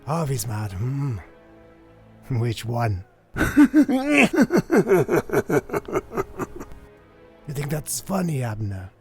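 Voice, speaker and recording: A theatrical clown crime boss for a motion comic. He drawls slowly in a creaky voice, sounding friendly on the surface while taunting and threatening. Music plays clearly behind him. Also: mid-range voice, huge pitch swings, a little mellow, exaggerated voice. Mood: gleeful menace. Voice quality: gravelly, creaky. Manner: drawling, mock-friendly, toying, menacing.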